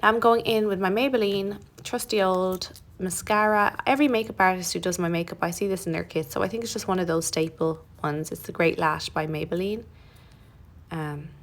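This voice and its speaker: Gravelly-voiced young woman narrating makeup. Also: lowish voice. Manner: chatty and relaxed, self-deprecating asides. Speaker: makeup tutorial host. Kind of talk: casual narrated tutorial.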